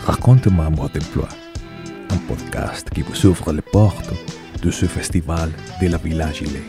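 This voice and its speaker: A man's voice: a bass voice, unhurried. A man announcing a podcast intro in a punchy, scripted delivery. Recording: guitar music under the voice.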